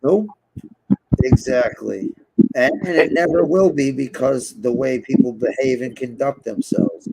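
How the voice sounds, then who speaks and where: A man hosting a casual livestream chat, blunt and heavily profane in a buddy-like way, with a gravelly, creaky voice. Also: mid-range voice, measured pace, a little mellow, no room sound. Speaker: host of a livestream. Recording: dull lo-fi stream audio, clear background noise.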